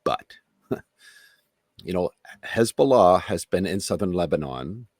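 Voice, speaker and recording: A man's voice: sits low, lively intonation, unhurried, darkish tone, slightly rough, dry recording, clean studio sound. A middle-aged man speaking as a retired military officer guest in a podcast discussion, frank and chuckling as he makes his points.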